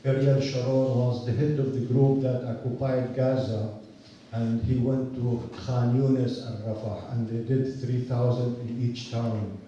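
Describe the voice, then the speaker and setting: An older man from Palestine, a university professor, giving an earnest, measured rally speech outdoors. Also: medium pitch, flat delivery, warm tone, very echoey, recorded from a distance, muffled recording, slight background noise. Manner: earnest, measured storytelling with restarts.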